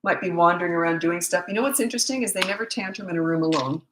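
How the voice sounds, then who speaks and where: Speaking rapid-fire, a sixty-something parenting coach fields questions on a live stream with blunt, matter-of-fact answers and frequent rhetorical questions. A cold has worn her fairly low voice thin, and it's giving out. There's background noise and a roomy echo.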